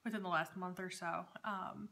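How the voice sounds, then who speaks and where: A knitting podcast host in her thirties chats casually and hesitantly in a vlog recorded indoors in her dining room at home. Her lowish voice is creaky and bright, with a steady yet forceful tone at normal speed.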